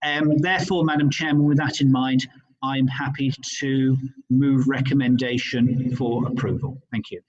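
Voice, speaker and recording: A male councillor making measured remarks, with frequent ums and restarts, over a video call that sounds muffled and hollow, as if he were inside a fishbowl. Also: mid-range voice, fairly even intonation, a little hiss or hum. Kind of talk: formal remarks at an online planning committee.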